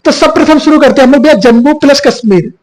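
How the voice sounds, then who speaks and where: A man teaching a classroom geography lesson, hoarse from a cough, repeating points and quizzing his students. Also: extremely high pitch, quick pace, low-quality recording. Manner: repetitive, quizzing students with filler 'bhaiya'. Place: classroom with whiteboard.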